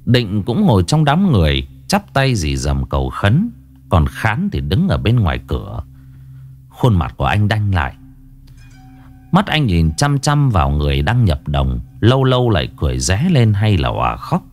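A man's voice: sits low, huge pitch swings, normal speed, darkish tone. A man narrating a ghost story in a dramatic, ominous storytelling manner. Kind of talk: scripted horror story narration.

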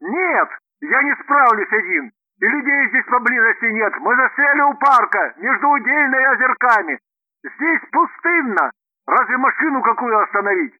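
A man voicing a panicking businessman who shouts desperately and snaps rudely. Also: high voice, expressive, measured pace, no echo, narrow, tinny audio, pitched above the performer's own voice. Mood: frantic, shouting. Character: panicking middle-aged male businessman, rude and frantic.

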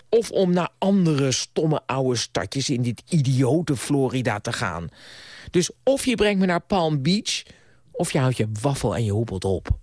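A man voicing a spoiled, defiant rich young woman in a radio play reading, scornful and sharp-tongued. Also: dry recording, studio quality. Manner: scornful, sharp-tongued, raised falsetto-like pitch.

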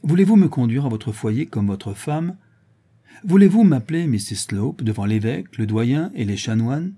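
With a warm, slightly rough voice of medium pitch, a man reads an audiobook at a moderate pace and with lively intonation. He plays a proud, worldly signora whose manner toward her suitor is scornful, teasing and mocking.

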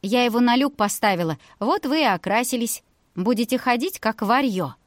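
A woman voicing a calm young female mage who speaks dryly and matter-of-factly. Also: fairly high pitch, normal speed, no echo, lightly acted. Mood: wry. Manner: dry, matter-of-fact.

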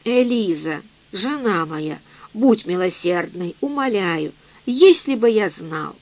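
A woman's voice: mid-range voice, lively intonation, slow, dull audio. A woman voicing an aging, self-pitying father who laments and wails theatrically. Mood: pleading.

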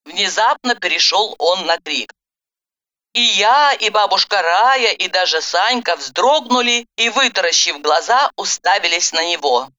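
Woman narrator, first-person audiobook, bright lively read, lo-fi sound. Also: medium pitch, measured pace, no room sound.

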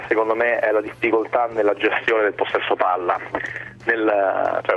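Husky low-voiced male radio co-host, dull sound. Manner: repeats words as he builds points. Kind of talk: conversational football analysis.

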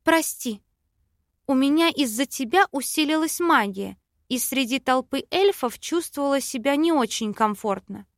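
A woman reading an audiobook, voicing a playful, mischievous young heroine in a bright, lifted tone. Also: high voice, lively intonation, a little slow, no echo, studio quality. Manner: giggly, playful.

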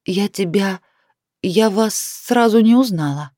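A woman's voice: medium pitch, expressive, slow pace, mellow, no echo, clean studio sound. A woman reading aloud, voicing a touchy, nervous middle-aged wife with a wry, defensive way of speaking. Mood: prickly.

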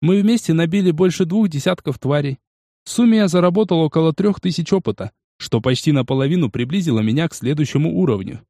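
A man narrating a first-person audiobook in a steady, measured way. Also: a little high, no echo, clean studio sound.

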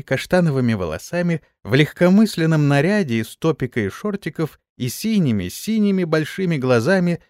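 A man narrating a fantasy audiobook in the first person, conversational and expressive. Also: fairly high pitch, dry recording, clean studio sound.

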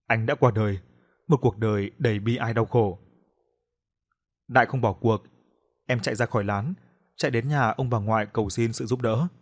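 A man narrating a scripted ghost story in a steady, mournful storytelling manner. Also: medium pitch.

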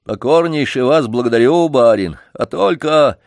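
A man's voice: medium pitch, lively intonation, moderate pace, dry recording, studio quality, voice pushed up, natural voice. A man voicing an old, humble but dignified street organ grinder, deferential and folksy. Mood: firm. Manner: deferential, folksy, quietly stubborn. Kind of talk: audiobook character reading.

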